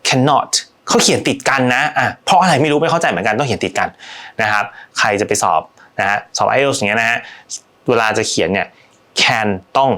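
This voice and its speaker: A man tutors English in a chatty, student-facing way. His pitch rises and falls freely as he explains, and he drops into slow, careful delivery for each example sentence. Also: fairly bright tone. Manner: slows down to model example sentences; chatty, addresses students directly. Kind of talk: language lesson.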